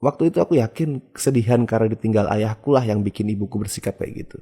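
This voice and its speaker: Husky low-voiced man telling a horror story. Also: fast talker, warm tone. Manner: casual, conversational telling. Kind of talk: first-person horror story narration.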